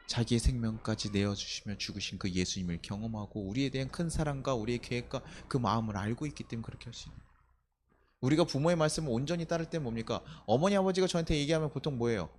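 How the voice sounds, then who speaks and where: Man preaching with lively rhetorical questions. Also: medium pitch, slight background noise. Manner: animated, many rhetorical questions, acts out quoted speech. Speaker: pastor. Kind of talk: sermon. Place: church sanctuary.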